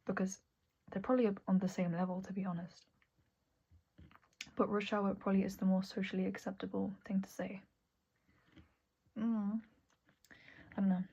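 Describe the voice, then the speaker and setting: A young woman talking candidly to camera at her desk, soft and halting, often dropping to a whisper. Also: mid-range voice, level tone, breathy edge, dull audio. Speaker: vlogger. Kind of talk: candid personal talk to camera. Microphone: earbud mic.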